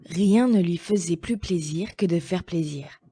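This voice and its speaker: A woman reading a children's story aloud slowly and gently, with clear pacing. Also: fairly low pitch, no room sound.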